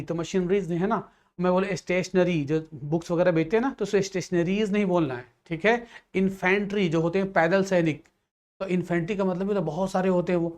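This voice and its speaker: Patiently walking exam students through English grammar, this Indian-accented teacher keeps checking whether they're keeping up. He speaks in a somewhat high, slightly mellow voice.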